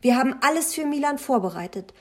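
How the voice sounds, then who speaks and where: A woman's voice: sits high, lively intonation, fast, pitched above the performer's own voice. A woman voicing a haughty older grandmother who scolds indignantly in an audiobook.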